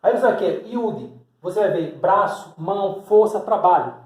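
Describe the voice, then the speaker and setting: High-voiced preacher, echoey room. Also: male voice, expressive, moderate pace, darkish tone. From Salvador, Bahia, Brazil. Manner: explains step by step, points at drawings, rhetorical questions. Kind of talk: teaching sermon with a board.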